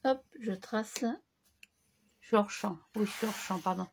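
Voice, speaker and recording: A woman hosting a crafting tutorial, chatting casually as she works, slightly hoarse and clearing her throat now and then. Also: medium pitch, slight background noise. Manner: slow, chatty, talks to herself while working.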